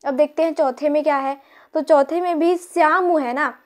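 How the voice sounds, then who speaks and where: A woman's voice: sits high, moderate pace, a little mellow. A woman teacher explaining a grammar lesson, counting syllables aloud and asking her pupils questions.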